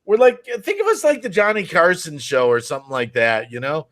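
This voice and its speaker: A man's voice: fairly high pitch, huge pitch swings, brisk, a bit bright. A man co-hosting a live stream in casual, joking chat.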